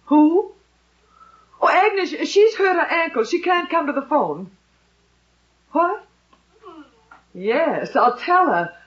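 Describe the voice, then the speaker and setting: High-voiced, fretful wife. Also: female voice, lively intonation, takes it slowly, pauses often. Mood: alarmed. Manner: fretful, solicitous. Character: anxious, fussing, affectionate wife. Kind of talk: 1940s-50s radio comedy acting. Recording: dull vintage radio recording.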